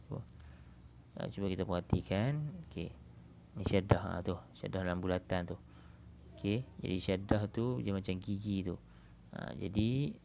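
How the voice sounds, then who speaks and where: A man with a Malaysian accent teaching an Arabic lesson in an online class, explaining patiently and drawing out example words slowly. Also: fairly low pitch, gravelly, warm tone, a little hiss or hum.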